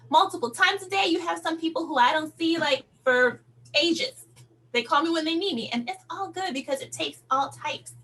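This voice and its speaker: A sales director encourages her team on a call in a conversational, emphatic motivational talk, her voice high-pitched and a bit bright. It's a rough recording with noticeable noise and hum behind her.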